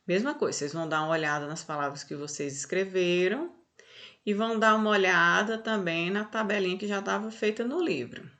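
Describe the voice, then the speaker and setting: A woman teacher with a Brazilian accent going over answers in an online class, unhurried, often checking in with "tá?" and "olha só". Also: mid-range voice, a bit bright. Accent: Brazilian Portuguese.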